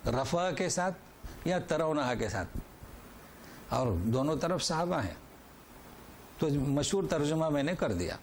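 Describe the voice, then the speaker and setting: Male Quran teacher, patient explainer, slow recitation, faint room hiss. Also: a little high, sing-song. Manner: explains verse by verse, recites Arabic slowly then translates; asks and answers his own questions. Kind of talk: Quran lesson with commentary. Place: lecture hall.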